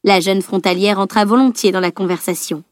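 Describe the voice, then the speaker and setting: A woman narrates a fantasy novel as an audiobook, reading at a steady, measured pace. Her voice sits at a middling pitch for a woman and sounds dry and close to the mic, with no room echo. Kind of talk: scripted narration.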